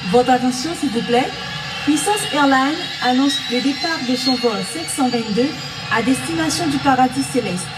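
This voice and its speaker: A woman with a high voice reads out a boarding call over the intercom in a formal, measured announcer's tone. She sounds far from the mic, and a loud noisy background runs under her words. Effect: over the intercom, public address announcement. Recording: distant, with loud background noise.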